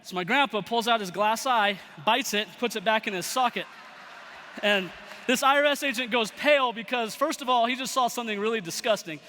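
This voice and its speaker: A young man giving a motivational talk to a live audience, telling a story with lively acted-out quotes. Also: very high voice, a little fast, slight background noise. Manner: animated storyteller acting out quoted voices. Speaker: motivational speaker. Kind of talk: storytelling keynote speech. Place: large event hall. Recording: long hall reverb.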